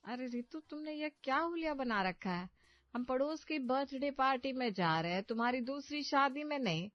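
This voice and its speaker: Woman voicing a fretful middle-aged mother-in-law, scolding, loud and high, muffled cartoon audio. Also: lively intonation, normal speed, dry recording. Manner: scolding, exasperated. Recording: muffled, faint background music.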